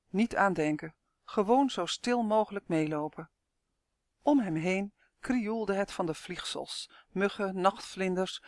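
A narrator reading a children's novel aloud in a steady, even storytelling manner. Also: medium pitch, dry recording. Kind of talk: audiobook narration.

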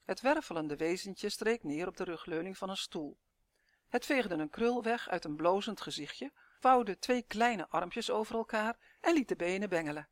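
A woman reads a children's storybook aloud in a clear, even and expressive voice at a middle pitch. The recording is close and dry, with no room sound at all. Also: normal speed, no room sound. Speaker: narrator. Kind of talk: storybook reading.

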